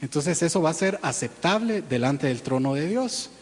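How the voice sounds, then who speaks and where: A pastor preaching in a conversational way, often clearing his throat and checking in with "¿verdad?" and "¿va?". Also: a little high, lively intonation, normal speed. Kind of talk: sermon. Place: church sanctuary. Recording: long church-hall reverb.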